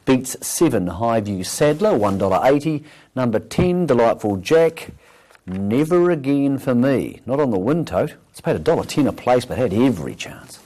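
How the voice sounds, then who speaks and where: A man's voice: medium pitch, animated, moderate pace, warm tone. A man with a broad New Zealand accent presenting racing results and dividends in a breezy style.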